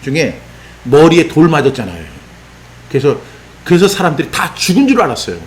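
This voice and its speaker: A man preaching an expository sermon as a pastor, animated and sometimes shouting out rebukes. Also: on the high side, a little fast. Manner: animated, voices apostle's rebukes in raised exclamations.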